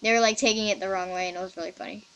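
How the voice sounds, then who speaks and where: A woman's voice: mid-range voice, steady tone, racing, a bit bright, clean tone, highs cut off. A woman hosting casual gameplay commentary on a computer mic, rambling and chatty with lots of "like". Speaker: gaming channel host.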